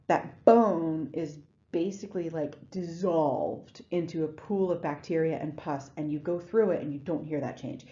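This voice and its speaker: A woman's voice: low voice, normal speed, warm tone, dull audio. A woman giving a recorded lecture in a conversational way, with frequent ums and restarts. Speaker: instructor.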